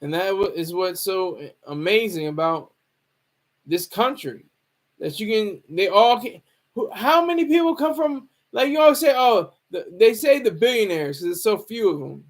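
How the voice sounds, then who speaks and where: A man with a high-pitched, expressive voice talks off the cuff like a streamer reacting to the news. His casual, halting delivery rambles along as he repeats words and circles back over phrases.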